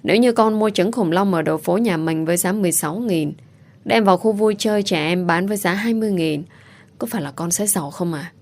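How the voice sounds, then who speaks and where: A woman's voice: lowish voice, fast, darkish tone, close to an everyday voice. A woman voicing an eager little boy. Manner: pleading, childlike. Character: small boy, eager and affectionate.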